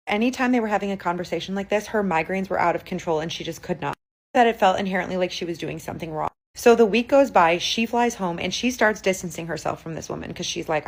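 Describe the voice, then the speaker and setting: A woman's voice: lowish voice, rough recording. A woman narrating a spooky story in a casual, chatty way, full of filler words. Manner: chatty, lots of "like" fillers, acts out quoted lines.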